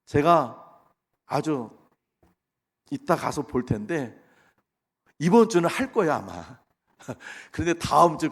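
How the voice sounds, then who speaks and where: A middle-aged male pastor preaching a sermon, animated, swinging between loud exhortation and soft asides. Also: fairly high pitch, husky. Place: large church sanctuary. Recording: long reverb of a large hall.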